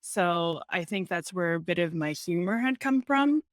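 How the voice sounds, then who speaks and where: A woman's voice: fairly low pitch, moderate pace, no room sound. Dry-voiced young woman, laughing guest. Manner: laughs often, relaxed, loose filler-heavy phrasing. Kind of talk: casual conversational interview.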